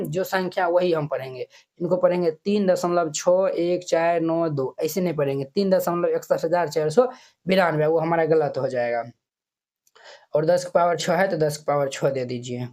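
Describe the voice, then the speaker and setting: A man's voice: fairly high pitch, darkish tone. A male math teacher talks through textbook exercises, counting digits aloud one by one and checking that students follow. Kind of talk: classroom math tutorial.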